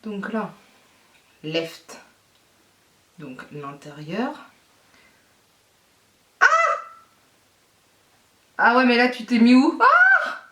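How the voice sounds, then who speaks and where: Excitable woman vlogger in an echoey room. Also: medium pitch, takes it slowly, long pauses, distant mic. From France. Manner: excitable and flustered, swears, talks through each step. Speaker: beauty vlogger. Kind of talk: casual vlog talking to viewers. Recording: echoey room, speaking away from the mic.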